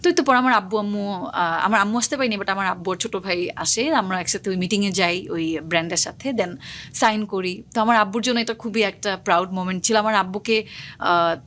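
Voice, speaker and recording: Fast-talking young woman, actress guest. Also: medium pitch, fairly bright tone, slight background noise. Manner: fast-talking, mixes English words. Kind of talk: casual interview talk.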